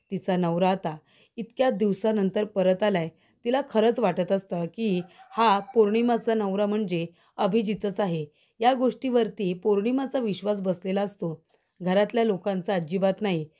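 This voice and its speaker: Mellow-voiced woman recapping a serial. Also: medium pitch, moderate pace. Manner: addresses viewers repeatedly, retelling scenes. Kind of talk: storytelling recap.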